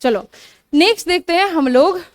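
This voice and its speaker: A young woman with a high, clear voice gives a biology lecture, repeating key terms and often pausing to check that the class is following. She catches and corrects her own slips as she goes. The sound is dry, with little room echo. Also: lively intonation. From India. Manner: explanatory, repeats terms, frequent "theek hai" check-ins, self-corrects. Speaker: biology teacher. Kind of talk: classroom lecture mixing Hindi and English terms. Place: coaching classroom.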